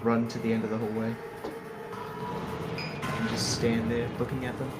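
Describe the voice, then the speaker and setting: A man's voice: mid-range voice, completely flat delivery, normal speed, over loud music. A man playing a tabletop game, chatting casually and informally as he thinks his moves through aloud.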